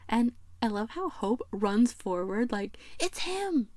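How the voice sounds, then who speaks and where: A woman's voice: mid-range voice, fairly even intonation, unhurried, mellow, dry recording. A woman hosting a video essay, narrating a game recap in a chatty, playful way with fond asides. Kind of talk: casual game commentary narration.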